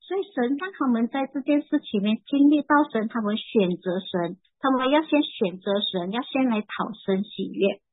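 A woman in her forties tells her faith testimony earnestly and emotionally, often stumbling and repeating words. Her voice sits a little high and has a husky grain. The sound is thin and phone-like, with a dry, close feel. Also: moderate pace, hardly any pauses, no room sound. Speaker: church member giving testimony.

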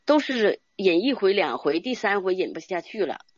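A church member, an older woman, delivers a rambling, heartfelt religious testimony in casual speech, often tacking little tag particles onto the ends of phrases. She talks at normal speed with a medium-pitched, lively voice, in a dry, dull-sounding recording.

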